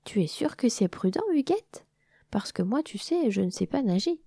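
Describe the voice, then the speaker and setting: A woman's voice: a little high, moderate pace, dark tone, dry recording, clean studio sound, pitched above the performer's own voice, natural voice. A woman voicing a timid, fearful little queen bee who stammers and frets. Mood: worried.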